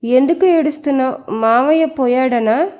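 A woman's voice: high-pitched, moderate pace, muffled recording, natural voice. A woman playing a haughty spiteful young heiress. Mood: scornful. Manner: haughty, scornful and sharp.

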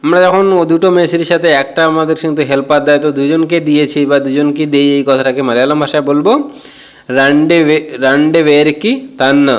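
A man leads a language lesson. His voice is smooth and resonant and sits a little high. He repeats every phrase slowly and carefully. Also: level tone. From Bangladesh. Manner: slow careful repetition of phrases. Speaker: language teacher.

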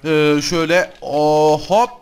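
A man hosting a gaming channel, giving excited gameplay commentary in a slangy way, constantly talking to his viewers. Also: a little high, takes it slowly, clear, resonant tone.

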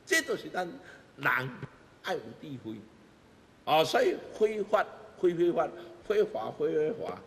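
In an echoey temple hall with music playing underneath, a Buddhist master addresses a seated congregation. He is a middle-aged man with a Taiwanese accent whose fairly high voice swings widely in pitch at a somewhat slow pace. His teaching is emphatic, full of rhetorical questions and repeated phrases.

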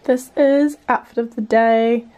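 Young New Zealand-accented woman vlogger, bright high voice, upbeat chatty delivery. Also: fairly even intonation, highs cut off. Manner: chatty, upbeat, quick asides to camera. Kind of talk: casual vlog narration.

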